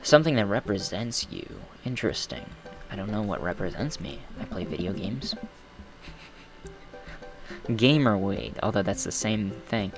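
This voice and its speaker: A man's voice: lowish voice, lively intonation, unhurried, vocal fry, pauses often, over music. A young man streaming a game, reading chat aloud and rambling in self-deprecating asides. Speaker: gaming streamer.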